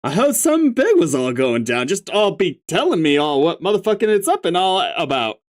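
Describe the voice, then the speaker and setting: Close to an everyday voice, this mid-range, sing-song delivery runs a little fast. The reader is giving voice to a webcomic's young male stoner clown troll, whose slurred, clownish drawl carries lazy swearing and a constant sense of lazy awe.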